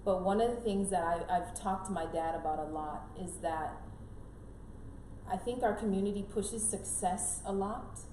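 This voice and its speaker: A middle-aged woman, Jamaican-born and Canadian-raised, talks through earnest advice in an interview, emphatic and repeating her key phrases. She speaks at normal speed in a mellow, mid-range voice, with a roomy echo and clear background noise in the recording.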